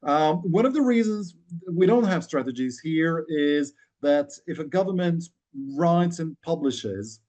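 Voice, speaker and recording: A man from Hungary giving measured, academic commentary as a discussant on a webinar panel, joining by video call. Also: on the high side, lively intonation, a little mellow. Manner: measured, academic, with frequent restarts. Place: Budapest, remote video call.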